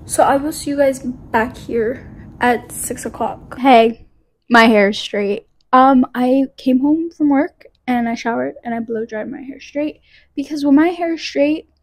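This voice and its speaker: A woman's voice: high-pitched, rough recording. A young woman, a college student, chatting casually to a propped-up camera in her kitchen, rambling off on gossipy tangents. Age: young adult. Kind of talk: casual vlog chat to camera. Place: home kitchen, later a bedroom. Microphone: phone camera propped at arm's length, later a handheld mic.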